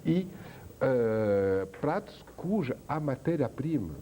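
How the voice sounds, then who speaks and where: A man's voice: medium pitch, sing-song, takes it slowly, mellow, slight background noise. A man from France, a chef guest on a TV talk show, telling his story with enthusiasm. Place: TV studio.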